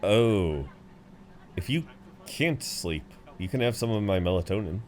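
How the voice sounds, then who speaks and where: In an intimate roleplay audio, a man with a fairly low, slightly mellow voice and lively intonation speaks at a measured pace over slight background noise. He acts one side of a conversation as a tall, chatty frequent flyer who rambles kindly and comforts his seatmate in a friendly, good-humoured way.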